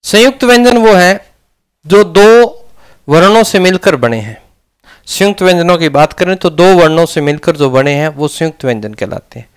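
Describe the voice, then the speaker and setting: A man's voice: fairly high pitch, animated, moderate pace, clean tone. A man with a Rajasthani Hindi accent teaching a grammar lesson, often asking questions and answering them himself.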